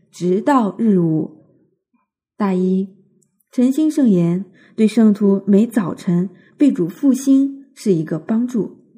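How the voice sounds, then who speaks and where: A woman reading a scripted devotional outline in a measured, recited manner. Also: mid-range voice, dark tone, husky.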